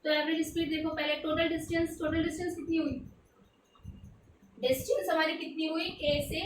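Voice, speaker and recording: एक ऊँची आवाज़ वाली शिक्षिका, गूंजते कमरे में. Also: female voice, high-pitched, distant mic, noisy background. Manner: asks questions and answers them herself; mixes English terms into her explanations. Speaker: tutor. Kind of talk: explaining a textbook physics problem. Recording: echoey room, away from the mic.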